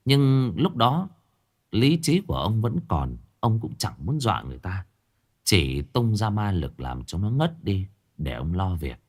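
A male storyteller narrating a ghost story with dramatic expression. His voice sits on the low side and rises and falls in a lively way. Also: a little slow.

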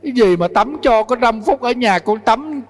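A man's voice: very high-pitched, lively intonation, normal speed, voice pushed up. A man voicing a pampered young male novice monk who whines and complains, heard with a long hall reverb. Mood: whiny. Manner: whining, complaining.

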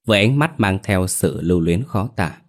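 A man narrating a dramatic story in a steady, measured reading. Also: low-pitched. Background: faint music.

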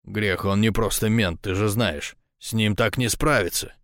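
A man's voice: on the low side, no echo, studio quality. A man reading an audiobook, voicing a nervous, defensive male henchman who talks in a hurry. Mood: hesitant. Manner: hurried, defensive, stammering. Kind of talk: audiobook dialogue.

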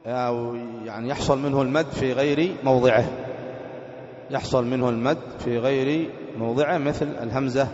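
A sheikh teaching a classroom lesson on Islamic jurisprudence, explaining slowly, repeating phrases and asking his students questions. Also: mid-range voice, steady tone, darkish tone. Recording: dull echoey hall recording.

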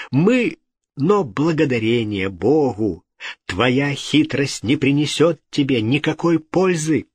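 A man's voice: on the high side, fairly bright tone, no echo, clean studio sound, voice pushed up. A man voicing a cruel, imperious queen who speaks with royal authority and cold fury.

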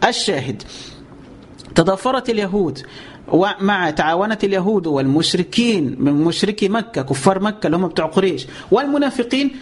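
A man with an Egyptian accent explaining scripture in a lesson, lively, asking rhetorical questions and often breaking into pious exclamations. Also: sits high, a little hiss or hum. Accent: Egyptian Arabic. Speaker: religious teacher.

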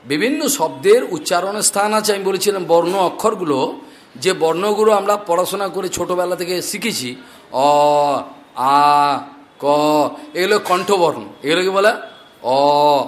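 High voiced man preaching on scripture, explains sanskrit, tells stories. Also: brisk. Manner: explains Sanskrit mantras, animated storytelling. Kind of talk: scripture discourse.

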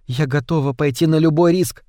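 A man's voice: fairly high pitch, fairly even intonation, a little fast, mellow, no room sound, clean studio sound, natural voice. A man voicing a determined young girl who speaks in an urgent, pleading way.

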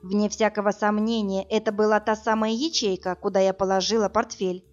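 A woman's voice: medium pitch, little pitch movement, brisk. A woman reading a first-person audiobook, delivering the dialogue with dramatic emotion. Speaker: audiobook narrator. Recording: dull lo-fi audio, faint music.

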